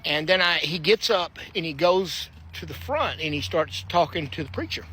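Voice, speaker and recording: A man's voice: fairly high pitch, lively intonation, moderate pace, sharp tone, husky. A man telling a personal faith testimony in an earnest, conversational way, with fillers and restarts. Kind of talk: personal testimony, casual storytelling. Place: backyard, outdoors.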